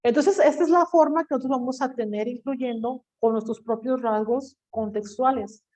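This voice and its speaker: A woman teacher giving a classroom lecture in a lively way, acting out quoted voices and asking the class questions. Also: fairly high pitch, moderate pace. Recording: dull lo-fi recording.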